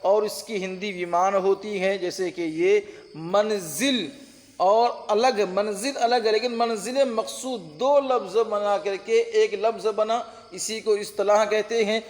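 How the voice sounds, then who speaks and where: A man's voice: sits high, steady tone, a little slow, big-room sound. A man teaching an online exam-prep lesson on translation, patient, repeating terms and checking that listeners follow. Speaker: Urdu-Hindi translation teacher.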